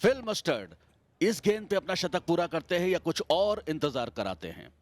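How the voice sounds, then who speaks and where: High-pitched man, excited cricket commentary. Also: moderate pace, a little hiss or hum. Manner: emphatic, animated.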